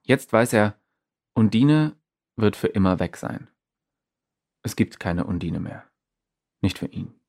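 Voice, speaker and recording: A man narrating an audiobook story in an expressive, dramatic way. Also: on the low side, slow, gravelly, long pauses. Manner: lively, expressive.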